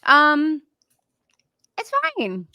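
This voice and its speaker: A woman's voice: high voice, animated, very slow, pushed and bright. A woman co-hosting a podcast, talking in a playful, teasing way. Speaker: podcast co-host. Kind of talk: casual podcast chat.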